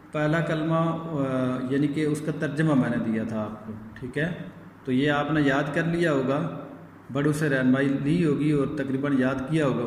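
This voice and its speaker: A man teaching young children to read Quranic letters, patiently checking in and drawing out each letter sound in a chanted recitation. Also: on the high side. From Pakistan. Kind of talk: recorded lesson for young children. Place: echoey school room. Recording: echoey room with long reverb, faint hiss.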